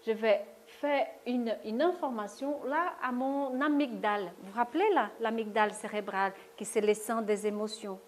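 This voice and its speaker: A woman with a slightly high voice and a faint hiss or hum leads a stress workshop in a lecture room before an audience. She demonstrates a tapping technique live, walking through it step by step and often checking in with "d'accord?".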